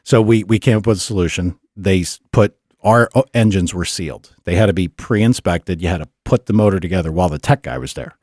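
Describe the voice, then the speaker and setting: A man telling stories casually on a podcast, animated and acting out the voices of others. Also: low voice, brisk, few pauses, dry recording, clean studio sound. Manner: animated storyteller, acts out quotes in a raised voice. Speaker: podcast guest. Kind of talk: casual storytelling.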